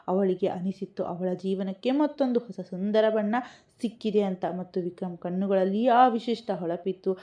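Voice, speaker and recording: A woman reading a scripted family story aloud in an even, gentle storytelling manner. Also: mid-range voice, dull audio.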